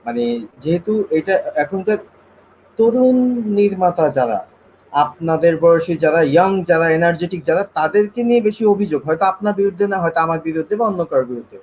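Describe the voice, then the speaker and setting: A man hosting and moderating a panel debate, who asks measured questions and hesitates with fillers when he steps in. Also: a little high, lively intonation, a little mellow, a little hiss or hum, low-quality recording. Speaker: host.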